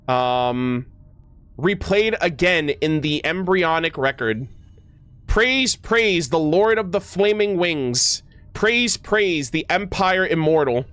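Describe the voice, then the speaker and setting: A man with a higher, somewhat bright voice, captured without any room sound. As a streamer reacting to a game, he chats casually and eagerly in slang, fumbling his words now and then and reading the game's text as he goes.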